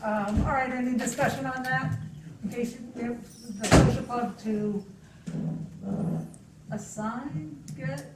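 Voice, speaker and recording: A woman's voice: a little high, slow pace, long pauses. A woman chairing an informal club meeting through a face mask, speaking in an easily flustered, apologetic way. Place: meeting room with people murmuring behind. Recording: echoey room, distant mic, loud crowd noise.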